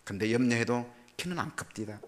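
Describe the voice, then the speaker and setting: An older man, a missionary preacher, telling personal stories in an animated, humorous sermon that swings from loud to quiet. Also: mid-range voice, fairly quick.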